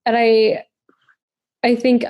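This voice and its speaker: A woman in her twenties appears as a podcast guest in casual chat, sounding reflective, using lots of fillers and dropping quick agreeing interjections. Her voice is on the high side and monotone, and the recording has its highs cut off.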